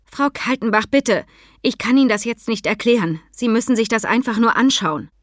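A woman voices a good-natured teenage stable boy who speaks eagerly and pleads urgently, pitching her voice somewhat above her own yet close to an everyday voice. Her delivery is expressive, at normal speed, in a clean studio recording with no room sound.

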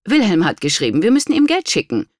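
Haughty, vicious baroness, as an audiobook reader puts her on; high, cutting, prone to hissed threats. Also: big pitch swings, normal speed, no room sound, clean studio sound. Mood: imperious. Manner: hissing whispers and shrill outbursts. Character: cruel scheming noble lady, imperious.

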